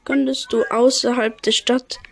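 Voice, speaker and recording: A woman's voice: on the high side, flat delivery, unhurried, gravelly, slight background noise. A woman reading the lines of a worried, pleading village mother in a video game.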